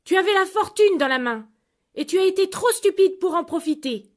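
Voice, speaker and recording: A greedy, bad-tempered old fisherman's wife from a children's storybook, played by a woman. She scolds and demands in a loud, raised voice pitched far above the narration, rising and falling sharply. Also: expressive, measured pace. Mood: furious.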